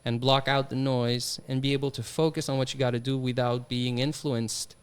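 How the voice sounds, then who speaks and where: A man's voice: mid-range voice, flat delivery, moderate pace, smooth. A French Canadian man with a Quebec accent, a hockey player answering interview questions in a thoughtful way. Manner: thoughtful, many restarts and fillers.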